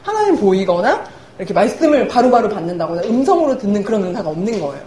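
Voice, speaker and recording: A woman's voice: mid-range voice, very animated, fast talker, warm tone. A young woman preaching a humorous sermon in a chatty, self-mocking way, laughing often as she talks. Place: church hall. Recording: echoey church hall, faint room noise.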